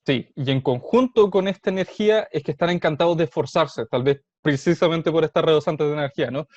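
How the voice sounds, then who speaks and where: A man from Chile, a co-host explaining a tabletop roleplaying game in a thoughtful, measured way with some hesitation. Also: fairly high pitch, darkish tone, no room sound. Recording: dull, dry, muffled sound.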